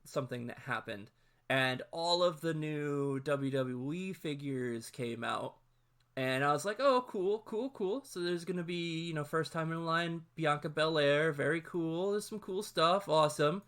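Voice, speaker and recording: A man co-hosting a casual podcast, telling stories excitably and enthusiastically, with quick restarts. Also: fairly high pitch, clean tone. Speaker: podcast co-host.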